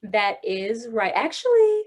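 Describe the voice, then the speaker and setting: This young woman singer from around Houston, Texas, speaks slowly in a fairly high, somewhat dark voice whose pitch swings widely. It's a relaxed interview chat, and she talks a lot, laughs frequently, and fills pauses with plenty of ums.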